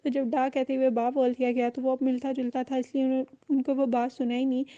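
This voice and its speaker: A woman gives a recorded course lecture, patiently explaining terms and repeating key phrases. Her voice sits high but stays fairly flat in melody, with a soft, mellow tone. The recording sounds a little dull and lo-fi. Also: brisk.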